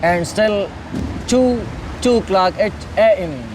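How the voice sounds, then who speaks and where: Slow, halting man from Afghanistan. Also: high voice, background noise. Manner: halting, simple non-native English with many pauses. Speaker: refugee telling his story. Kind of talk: documentary interview.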